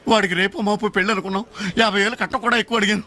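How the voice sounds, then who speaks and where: Fretful middle-aged father: bright, high tone, quick nagging talk. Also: steady tone. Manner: fretful, nagging, repeats questions. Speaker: worried father. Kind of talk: comic film dialogue.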